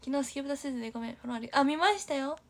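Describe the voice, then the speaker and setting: A woman's voice: high-pitched, racing, slight background noise. Chatty, giggly young woman streaming. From Aichi, Japan. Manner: chatty and giggly, often dropping to a near-whisper. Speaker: idol livestream host. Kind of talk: casual livestream chat reading viewer comments.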